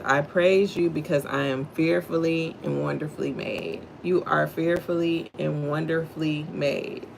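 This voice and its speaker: A middle-aged woman from Houston, Texas, hosts her own livestream, alternating between reading a devotional aloud and greeting viewers by name in casual chat. She has a deep, gravelly voice with vocal fry and a Southern Texan drawl, speaking low and slow with a fairly bright tone. The audio is poor, with slight background noise.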